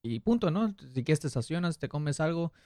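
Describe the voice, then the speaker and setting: A man hosting a casual podcast in a slightly high voice with a northern Mexican accent. He tells stories in loose street slang and acts out both sides of conversations, recorded close and dry. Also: brisk, no echo. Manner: animated retelling with acted-out quotes and street slang. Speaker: podcast host. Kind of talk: casual slangy podcast chat, telling anecdotes.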